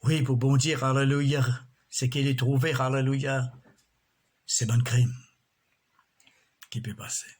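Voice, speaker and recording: A man preaching a sermon in a slow, measured way, often breaking in with alleluias. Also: mid-range voice, flat delivery, darkish tone, slightly rough.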